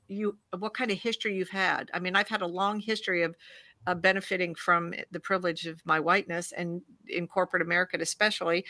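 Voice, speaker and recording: A woman's voice: medium pitch, sharp tone, no echo, clean studio sound. A woman speaking as a panel guest, explaining with strong emphasis and urging listeners to act. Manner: emphatic, lecturing, urges action. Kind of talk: panel discussion.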